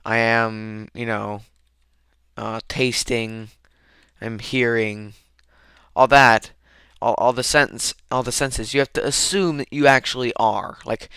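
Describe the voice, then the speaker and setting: A man's voice: medium pitch, steady tone, slow, sharp tone, clean tone, no room sound. A young man co-hosting a casual philosophy chat, hesitant and full of ums and restarts. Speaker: co-host.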